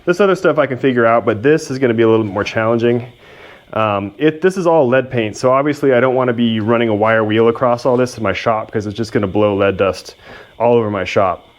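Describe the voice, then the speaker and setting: A man's voice: medium pitch, brisk. A man hosting a repair video, talking casually and self-deprecatingly as he works in a workshop. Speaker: host of a machinery repair video. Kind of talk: casual hands-on repair narration.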